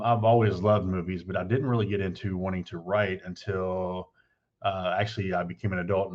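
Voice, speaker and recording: A man from with a low, deep voice, coming through slightly muffled call audio. He talks in a relaxed, humble way, like a country boy telling his story. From Kentucky, USA. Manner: humble, easygoing, self-described country boy. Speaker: guest, writer and producer. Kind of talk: casual interview answers.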